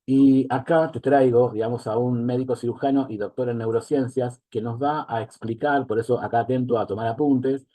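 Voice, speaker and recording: A man's voice: medium pitch, steady tone, moderate pace, few pauses, warm tone, no echo. A man with a Rioplatense Spanish accent giving an online mentoring lesson as a life coach. He keeps checking that the listener is following him. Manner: asks for agreement again and again.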